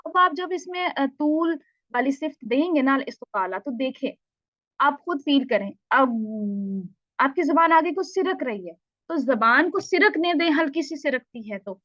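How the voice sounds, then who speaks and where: Patient woman teaching Tajweed, slightly high voice. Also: expressive, a little slow, no room sound, dull audio. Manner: patient, repeats and asks checking questions. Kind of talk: online lesson with slides.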